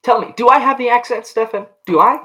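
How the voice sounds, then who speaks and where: A young man from Wisconsin chatting casually with friends and trading quick, joking quips. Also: very high-pitched, sharp tone. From Wisconsin, USA. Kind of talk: casual chat among friends.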